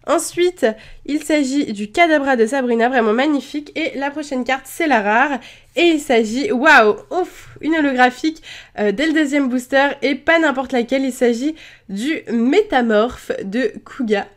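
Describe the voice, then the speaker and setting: A young woman chatting casually as she opens trading card packs at home, hesitant and full of fillers but excitable. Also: sits high, moderate pace. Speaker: YouTuber opening trading cards. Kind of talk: casual card-opening commentary.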